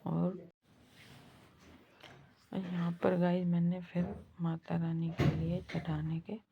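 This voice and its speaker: A woman vlogger narrating her pilgrimage walk in a soft, devout way. She has a husky, strained voice from ongoing throat trouble. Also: on the low side, flat delivery, muffled recording, noisy background. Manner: slow, soft-spoken and devout. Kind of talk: travel vlog voice-over.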